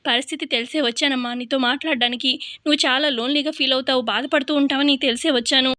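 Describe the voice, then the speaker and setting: A woman voicing a gentle mother consoling her grown daughter. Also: high-pitched, fairly even intonation, fast talker, no room sound, studio quality. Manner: gentle, reassuring.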